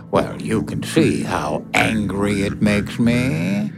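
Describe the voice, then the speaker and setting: A man's voice: fairly low pitch, big pitch swings, gravelly, very noisy, heavily acted. A man playing a smug drawling demon. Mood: gloating. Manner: slow, smug, drawling menace. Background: music.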